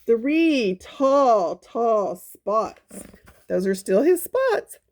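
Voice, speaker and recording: Her voice sits a little high and is a little mellow, very animated, with words drawn out as she reads a picture book to young children. This children's storytime reader punctuates the story with folksy exclamations and coaxing questions.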